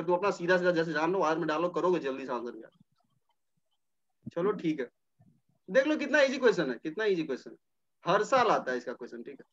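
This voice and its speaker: High, bright-voiced male tutor. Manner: casual, coaxing, repeats numbers while working problems. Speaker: teacher. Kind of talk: informal chemistry lecture. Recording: dull lo-fi audio.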